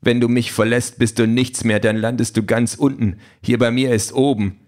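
A man's voice: on the low side, level tone, a little fast, gravelly. A man voicing a domineering, status-obsessed husband who talks in a blustering, threatening way.

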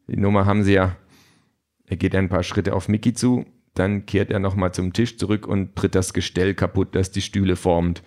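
Low-voiced male audiobook narrator. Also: fairly even intonation, moderate pace, few pauses, a little mellow. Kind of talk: scripted narration.

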